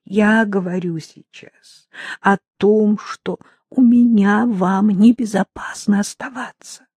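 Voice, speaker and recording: Reader playing a tired scared woman, cold stiff voice, keeps it hushed. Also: medium pitch, slow, breathy edge, no room sound. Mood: pleading hush. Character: weary, cold-voiced educated woman, frightened.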